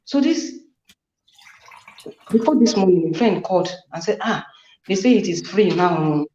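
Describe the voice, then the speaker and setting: A woman's voice: fairly low pitch, lively intonation, warm tone, a little hiss or hum. Woman caller on echoey speakerphone. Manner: halting, hesitant storytelling. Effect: on speakerphone, echoing. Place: at work. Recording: echoey, muffled phone line.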